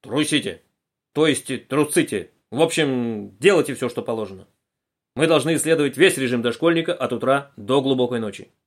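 A man voicing Kolobok, a bun-shaped male detective in a storybook, musing slowly over his deductions. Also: medium pitch, natural voice.

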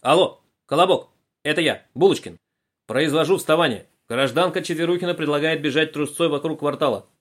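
A man voicing Bulochkin, a zealous middle-aged male detective in a storybook, speaking in a loud, eager reporting tone. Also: on the high side, brisk, voice pushed up, close to an everyday voice.

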